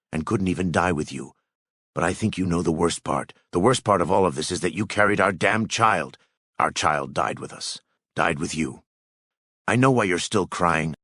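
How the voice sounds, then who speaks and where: A man's voice: low-pitched, husky, dry recording, studio quality. A man reading a fan fiction story aloud in the first person, with a somber, grieving delivery. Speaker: story narrator.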